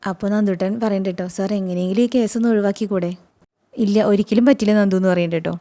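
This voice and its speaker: A woman hosting a recap channel, retelling a TV serial episode in a rapid, chatty way and often adding little tag words. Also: mid-range voice, steady tone, mellow.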